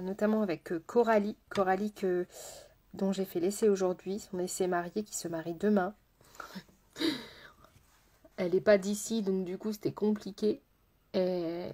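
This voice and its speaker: A woman, a makeup artist, chatting casually with viewers on a live stream as she works, greeting them by name and often repeating herself, sometimes slowing to a soft, hypnotic tone. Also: medium pitch.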